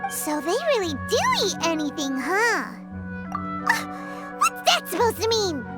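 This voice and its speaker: An actress voicing Paimon, a tiny excitable fairy guide who talks about herself in the third person. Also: female voice, extremely high pitch, a little slow, heavily acted. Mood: puzzled. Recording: game audio over loud music.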